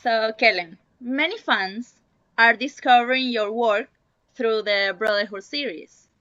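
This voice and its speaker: Female host from Venezuela, Spanish native, high-pitched and effusive, on a dry, dull-sounding line. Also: measured pace, sharp tone, dry recording. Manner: eager, effusive, laughs often. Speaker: podcast host. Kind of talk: casual interview chat.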